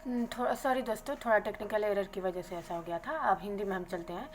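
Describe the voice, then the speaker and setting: A woman teacher going briskly through exam questions and their answers, adding a quick "okay" after each answer. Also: mid-range voice, slight background noise, low-quality recording. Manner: brisk, adds "theek hai" after answers.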